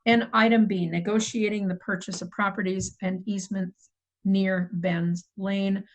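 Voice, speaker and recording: A woman's voice: medium pitch, flat delivery, a little slow, poor audio. A middle-aged woman chairing a city committee meeting over a video call, reading agenda items in a procedural way and correcting herself as she goes. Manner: procedural, apologetic, self-correcting.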